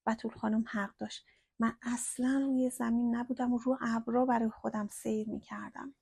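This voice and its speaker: A woman narrating a first-person story in a slow, hushed storytelling manner. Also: fairly high pitch, flat delivery, vocal fry, slightly rough, no echo, studio quality.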